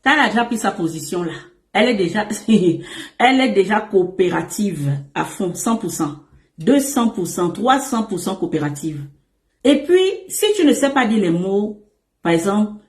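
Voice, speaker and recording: A woman's voice: mid-range voice, moderate pace. Woman, relationship coach, casual advice monologue; emphatic, repetitive, playful; echoey room sound. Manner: emphatic and repetitive, calls listeners "my emperor"; animated and playful, with asides and laughs.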